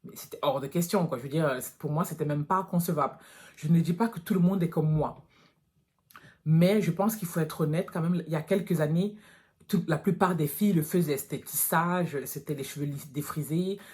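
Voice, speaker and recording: A woman's voice: low voice, moderate pace, darkish tone. A woman in her thirties from France, talking to her viewers in a casual vlog, frank and direct, calling them girls. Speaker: natural hair vlogger.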